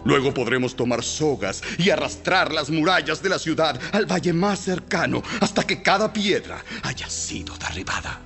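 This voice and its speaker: An actor playing a shrewd, persuasive male royal counselor in an audio Bible drama, speaking with theatrical, deliberate emphasis. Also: a little high, lively intonation, fairly bright tone. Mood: persuasive, grave. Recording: music behind.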